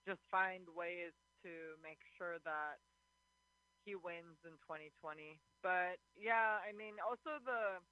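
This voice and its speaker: A young man with a high voice calls in on a dull, lo-fi phone line that keeps breaking up and cutting out. He is a student correspondent chatting casually, thinking aloud with plenty of fillers. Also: slow, clean tone, no echo. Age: young adult. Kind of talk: casual call-in chat.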